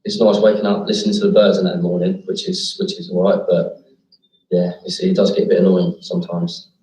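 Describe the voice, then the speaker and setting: A man's voice: low-pitched, flat delivery, fairly quick, echoey room. Hesitant young man, distant. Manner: soft-spoken, hesitant, resigned. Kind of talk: documentary interview.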